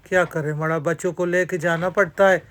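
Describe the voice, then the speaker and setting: A woman's voice: on the low side, fairly even intonation, fairly bright tone. Chatty woman vlogger. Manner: chatty, talks straight to viewers, many religious phrases. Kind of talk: casual vlog narration. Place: outdoor amusement park.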